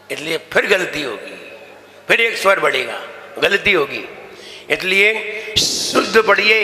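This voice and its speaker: A man, a Jain monk, gives a sermon, chanting verses slowly and repeating phrases to drill correct pronunciation. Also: high voice, bright, forceful tone. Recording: reverberant hall.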